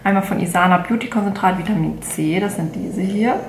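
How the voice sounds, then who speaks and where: A woman in her late twenties talks through a shopping haul in a relaxed, rambling way, full of little fillers and self-corrections. Her voice sits at an ordinary middle pitch. It is recorded by a camera at desk distance in a room with a clear echo and a faint hum of room noise. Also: brisk. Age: 20s. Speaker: beauty vlogger. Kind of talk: casual haul vlog. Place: bedroom at home, indoors.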